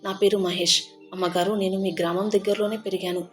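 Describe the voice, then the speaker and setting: A woman voicing a kindly middle-aged male airport officer, gentle and firm in a Telugu audio story. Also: mid-range voice, little pitch movement, fairly quick, soft background music, lightly acted. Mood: concerned.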